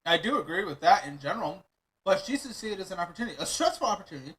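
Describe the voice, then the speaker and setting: A man's voice: high-pitched, sing-song, very fast, pushed and bright, poor audio. A man reacting to a viral video in casual, blunt commentary, sarcastic and swearing freely.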